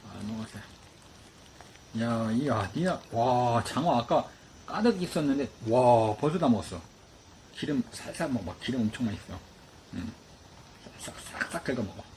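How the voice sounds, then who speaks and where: A man's voice: mid-range voice, expressive, normal speed, pauses often, darkish tone, low-quality recording. A man talking casually to his pet dogs in cooing baby talk as he feeds them. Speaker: dog owner vlogger. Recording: clear background noise.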